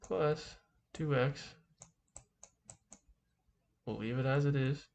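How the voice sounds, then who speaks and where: A man speaking through a face mask, giving an informal calculus lesson in a halting way, thinking aloud as he goes. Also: mid-range voice, vocal fry. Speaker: math teacher.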